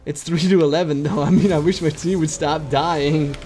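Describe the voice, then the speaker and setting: A young man casually commentating his own game, excitable and whooping at big plays, chatting to his viewers as boys and dudes. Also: fairly high pitch, normal speed, soft background music. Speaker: gameplay commentator.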